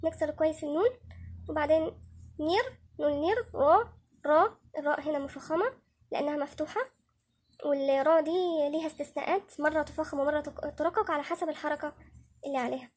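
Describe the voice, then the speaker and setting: A woman with a high voice and an Egyptian Arabic accent leads a patient tajweed lesson. She breaks each word down and says every sound again and again so learners can copy it. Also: steady tone, quick pace, darkish tone. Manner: patient, repeats each sound several times to demonstrate. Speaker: Quran recitation teacher.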